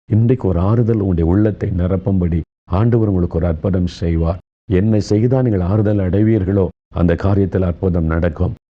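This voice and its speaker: Deep-voiced preacher, consoling. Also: male voice, lo-fi sound. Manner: gentle, consoling, addresses listeners directly. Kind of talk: sermon.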